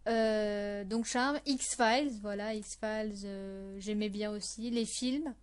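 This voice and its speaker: A woman's voice: medium pitch, steady tone, takes it slowly, clear, resonant tone. A young woman hosting a casual podcast about the series she loves, hesitant and full of fillers and restarts. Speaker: podcast host.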